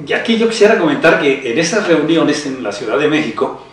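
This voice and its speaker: A man with a Mexican accent speaking in a measured, formal way in a panel discussion. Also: a little high, very animated, a little hiss or hum. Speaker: citizen council member. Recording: echoey room from far off.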